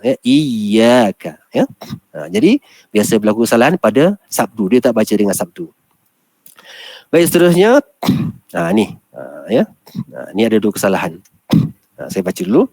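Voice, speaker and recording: A man with a Malaysian Malay accent teaching Quran recitation in a class, explaining patiently step by step and chanting verses slowly. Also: medium pitch, darkish tone, no echo.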